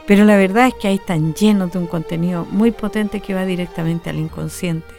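Radio host, mid-pitched, casual with fillers, soft music behind. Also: steady tone, a little fast, gravelly. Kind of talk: radio interview.

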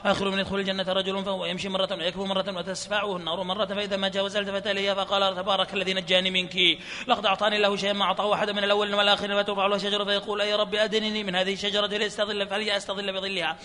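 A man reading hadith chains aloud at a study session, in a rapid, flat recital. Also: high-pitched. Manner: reads fast in a flat chant, laughs softly at times. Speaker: hadith reader. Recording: reverberant hall with faint noise.

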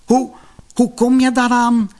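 Astonished wife, high, stammering, loud, as a male narrator puts her on, storybook. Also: big pitch swings, moderate pace, husky, full character voice. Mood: stunned. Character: Ali Baba's astonished wife, woman.

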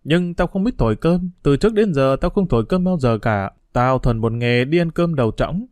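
A man reading a storybook aloud and voicing a cheeky, excitable street boy in a raised, exclaiming voice. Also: moderate pace, no echo, lightly acted. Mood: excited. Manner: exclaiming, brash, high-pitched.

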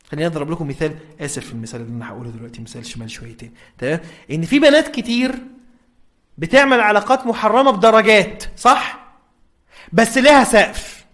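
Man, Egyptian accent, informal religious lecture, high voice, conversational. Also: fairly bright tone. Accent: Egyptian Arabic. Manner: conversational, often checks in with listeners.

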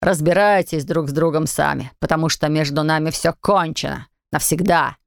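A woman's voice: low voice, gravelly, dry recording, clean studio sound, pitched below the performer's own voice. A woman reading aloud and voicing a meddling, mocking middle-aged male neighbor who drawls his remarks. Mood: offended. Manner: teasing, drawling, slow.

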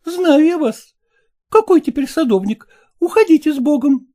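A man voicing a sly, coaxing housekeeper woman in a chattering falsetto for an audiobook. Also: expressive, moderate pace, mellow. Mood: scolding. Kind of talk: audiobook character voice.

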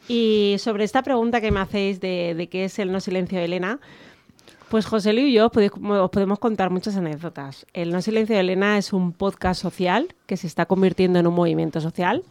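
A woman from La Mancha speaking as an interview guest, chatty and warm, with many fillers and restarts. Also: mid-range voice, brisk, no room sound. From La Mancha, Spain. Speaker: guest, podcast creator. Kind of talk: casual interview talk.

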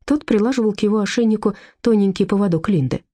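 A woman narrating an audiobook in an expressive, animated storytelling manner. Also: mid-range voice, quick pace, no room sound. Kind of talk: scripted narration.

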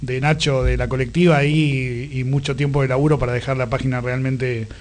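An Argentine man hosting a conversational radio interview, with informal, halting phrasing. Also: medium pitch, little pitch movement. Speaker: radio host.

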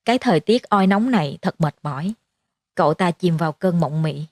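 A woman narrating a horror story in a measured storytelling manner. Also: fairly low pitch, lively intonation, dry recording. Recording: faint music underneath.

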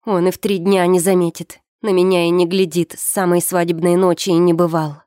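A woman's voice: fairly even intonation, normal speed, a little mellow, no echo, clean studio sound, natural voice. A woman voicing a spoiled, weepy young noblewoman who sobs and wails her lines in an audiobook. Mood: wailing. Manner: sobbing, wailing, shrill. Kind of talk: audiobook character reading.

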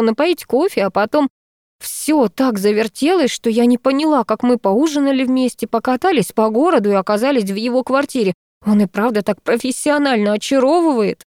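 A woman voicing a distraught, tearful young woman in an audiobook, speaking in a high plaintive whimper. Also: darkish tone, no room sound, clean studio sound, lightly acted. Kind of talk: audiobook character voice.

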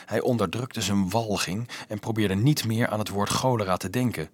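A man reading a novel aloud in an expressive, storytelling way. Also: fairly low pitch, normal speed, husky, dry recording. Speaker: audiobook narrator. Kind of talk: scripted narration.

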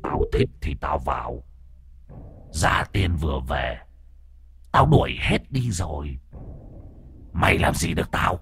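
A man's voice: very deep voice, animated, slow, gravelly, pauses often, a bit bright, slight background noise, voice pushed down, exaggerated voice. A man voicing a malevolent wandering ghost that has possessed a girl, speaking in a sneering, defiant way. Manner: sneering, defiant, then wailing in pain.

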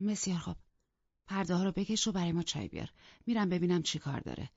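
An impulsive young mistress of a manor, eager and breathless, her husky voice lifting high and quick, as a woman narrator puts her on. The sound is dry and a little dull, like a lo-fi audiobook take. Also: lively intonation, a little mellow, no room sound, exaggerated voice.

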